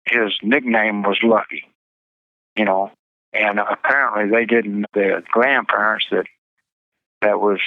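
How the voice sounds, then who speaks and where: A low-voiced man speaks over a tinny prison phone line that sounds dry and close. He gives terse, halting short answers as an interviewee. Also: dry recording. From Missouri.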